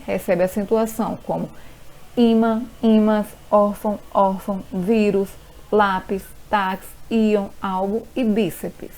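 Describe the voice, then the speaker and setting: Brazilian woman teacher, mellow tone, patient list-by-list lesson delivery. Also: mid-range voice, poor audio. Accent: Brazilian Portuguese. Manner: slow, patient, spells out examples one by one. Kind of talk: recorded grammar lesson.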